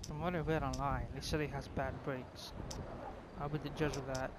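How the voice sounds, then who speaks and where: A man's voice: mid-range voice, flat delivery, moderate pace. A young man with a speech impediment that turns r into w, giving casual, self-deprecating gameplay commentary. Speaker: gaming video creator. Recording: clear game noise, vehicle sounds behind voice.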